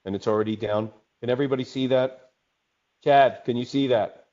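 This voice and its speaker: A man's voice: mid-range voice, fairly even intonation, fairly quick, a little mellow. A man teaching an online webinar in a conversational way, often checking in with "okay?". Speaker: instructor. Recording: dull lo-fi webinar audio.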